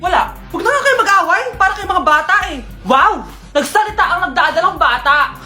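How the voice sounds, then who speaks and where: Very high-pitched woman in shouty comic skits. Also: animated, fairly quick. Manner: loud, shouting, laughing, theatrical. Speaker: comedy skit performer. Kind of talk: comic skits playing many family roles. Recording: roomy sound with loud music behind.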